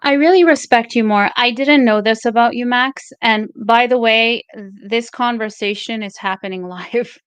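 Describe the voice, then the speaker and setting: A woman hosting a live online career chat, earnest and encouraging as she reflects with her guest. Her voice is smooth and clear, and the recording is close and dry with no room sound. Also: on the high side, moderate pace, few pauses, no room sound, rough recording. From Canada. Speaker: host.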